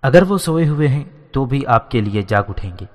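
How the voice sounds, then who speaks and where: A man voicing a cunning young court woman who speaks with false, smooth respect, in a storybook reading. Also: medium pitch, animated, a little mellow, natural voice. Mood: scheming. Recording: long hall reverb.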